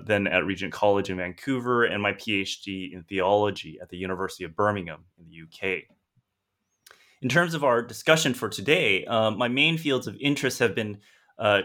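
Measured, low-voiced American man. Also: fairly bright tone. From Southern California, USA. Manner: measured, with frequent fillers. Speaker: guest author, theologian. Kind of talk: podcast interview.

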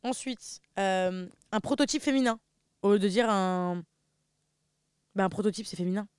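A woman's voice: medium pitch, normal speed, clear, resonant tone, no echo, clean studio sound. A young woman, co-hosting a jokey casual chat. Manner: jokey, bursts into loud laughing exclaims. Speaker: co-host.

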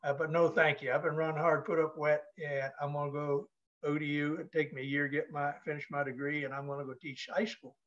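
This retired Navy leader from New Hampshire, now older, shares casual stories as a guest in an interview with a plain, folksy manner. He talks fairly quickly in a higher, level, slightly bright voice, though the recording sounds dull.

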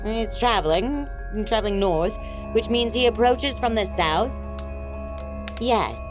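Using a mid-range female voice, an actress portrays a haughty, theatrical villainous empress who is imperious, mercurial and quick to lose patience, all within a comedic fantasy audio drama.

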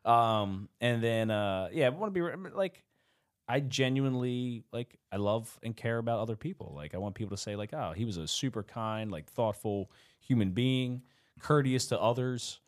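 A man's voice: mid-range voice, normal speed. A man in his mid-thirties co-hosting a podcast, rambling through casual chat, laughing often and swearing loosely. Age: 30s. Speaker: podcast co-host.

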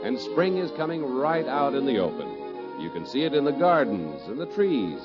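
A man's voice: medium pitch, sing-song, normal speed. An American man announcing in the emphatic, showman-like style of an old radio announcer, reading scripted sponsor copy and narration. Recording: muffled vintage radio recording, music behind.

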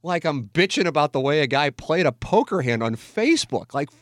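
A fairly high, fairly bright voice swings widely in pitch as this Missouri radio host in his forties talks a little fast. The American man rambles candidly and casually in reflective fashion, putting himself down and swearing often. The studio-quality audio has no room sound.

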